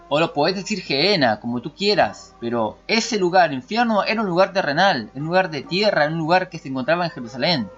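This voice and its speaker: Higher-voiced man teaching Scripture. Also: a bit bright. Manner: explanatory, repeats key points and slows down on key words. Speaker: Bible teacher. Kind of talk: Bible study teaching. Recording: dull muffled audio with faint background music.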